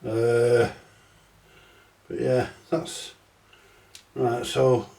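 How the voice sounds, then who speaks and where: A middle-aged man hosting a repair channel talks through a fix with a stuffy cold, slow and rambling, swearing casually and self-deprecating, inside a small cluttered electronics workshop. His medium-pitched voice is mellow with vocal fry and a level tone. He's recorded from a distance, giving a roomy sound.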